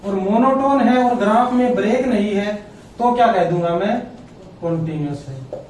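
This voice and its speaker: A man's voice: high-pitched, moderate pace, a little mellow, slight background noise. A male math teacher giving a classroom lecture, explaining step by step and checking often whether students follow. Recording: echoey room, voice from far off.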